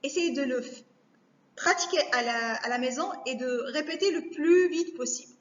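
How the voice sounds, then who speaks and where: A woman teacher giving a recorded lesson to young children, speaking slowly and carefully, repeating each word to break it down. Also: high-pitched. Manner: slow, careful, repeats words to spell them out. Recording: echoey room, dull lo-fi sound.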